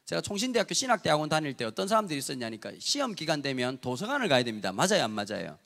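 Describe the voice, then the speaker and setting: A pastor in his fifties from Busan, preaching a sermon in a lively, humorous storytelling way and speaking straight to his congregation. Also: on the high side, very fast, creaky. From Busan, South Korea.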